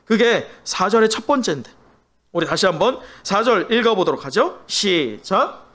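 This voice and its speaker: A man's voice: high-pitched, sing-song, normal speed, a crowd in the background. A middle-aged male pastor preaching a sermon, asking the congregation questions as he goes.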